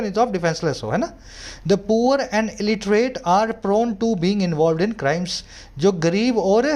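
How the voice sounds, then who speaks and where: A male English tutor with an Indian accent, his voice sitting high for a man. He goes through vocabulary one word at a time, slowing down to read out each example sentence. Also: a little mellow. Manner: explains each word slowly and reads example sentences in a measured way. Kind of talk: vocabulary lesson.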